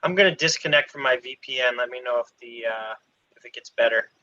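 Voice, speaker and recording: A man on a laggy video call, speaking in a measured, procedural way as an official advising a zoning board. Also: mid-range voice, bright, forceful tone. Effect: on a laggy video call, frozen video and broken-up audio. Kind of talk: formal public meeting talk. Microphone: computer mic on a video call. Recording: dull lo-fi video call audio.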